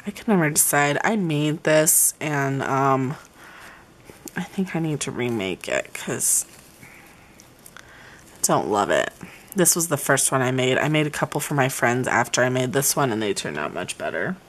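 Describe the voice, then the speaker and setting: A woman's voice: very deep voice, very animated, measured pace. A young woman gushing over her planner supplies in a casual vlog. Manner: chatty, gushing, says "y'all". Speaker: planner vlogger. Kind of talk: casual show-and-tell vlog.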